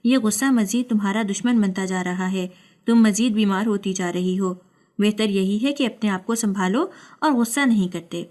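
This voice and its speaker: A sinister male doctor speaks with cold, mocking menace, as a woman narrator puts him on. His threats come slightly raised in pitch and volume. It suits a dark spoken-word drama. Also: natural voice. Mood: menacing. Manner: taunting, cold.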